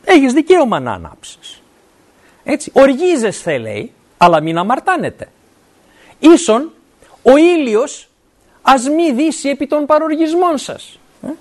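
Lively, earnest middle-aged preacher. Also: high-pitched, pauses often. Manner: earnest, often stops to ask "right?" and quotes scripture. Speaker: university academic. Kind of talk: sermon.

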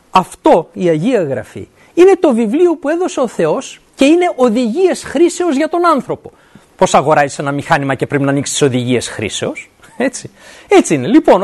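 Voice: high-pitched, darkish tone. A middle-aged preacher giving an earnest sermon. The speaker often stops to ask "right?" and works scripture quotes into the talk. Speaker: university academic.

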